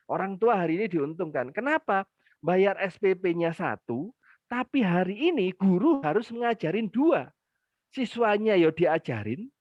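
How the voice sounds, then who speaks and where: A man with an East Javanese accent giving an animated parenting talk, speaking straight to mothers and acting out little scenes. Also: high-pitched, dry recording, muffled recording. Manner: animated, acts out dialogues and addresses mothers directly.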